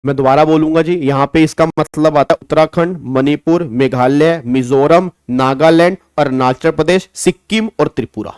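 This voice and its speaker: A man in his thirties teaching an accounting exam class, animated and digressive, slipping into jokes and mimicry. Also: fairly high pitch, moderate pace, hardly any pauses, clear, resonant tone, no echo, studio quality. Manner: animated, digressive, mimics baby talk and sings snatches. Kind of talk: lively classroom lecture.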